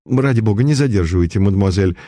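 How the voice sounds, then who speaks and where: A man's voice: lowish voice, fast, dark tone, no echo, clean studio sound, natural voice. A man playing an urgent, commanding doctor. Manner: polite but insistent.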